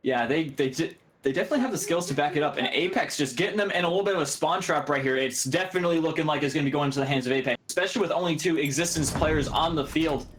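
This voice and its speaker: A man giving quick, energetic play-by-play commentary on an online game match, laughing easily, with game gunfire going on behind him. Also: on the high side, slight background noise. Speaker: esports commentator. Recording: game gunfire loud in the background.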